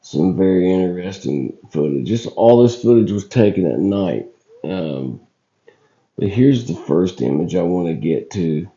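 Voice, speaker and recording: A man with a deep, rough, scratchy, hoarse voice, still recovering from illness, hosts a channel and chats casually over footage. He's animated and warm, speaking in a folksy, halting, colloquial way. The recording is dull and lo-fi.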